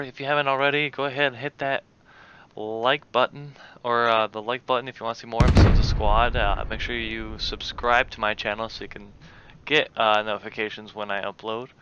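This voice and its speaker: Casting note: male gamer, mid-range voice, excitable play-by-play over loud battle sounds. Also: mid-range voice, moderate pace, dull audio. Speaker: gaming channel host. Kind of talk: live gameplay commentary. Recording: game battle noise behind voice.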